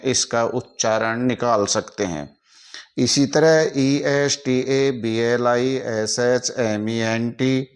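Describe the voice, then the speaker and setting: A man teaching with a Hindi accent, speaking very slowly in a smooth, clear voice. He spells out each word one letter at a time and speaks plainly to his students. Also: medium pitch. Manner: spells out English words letter by letter. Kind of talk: explaining to students.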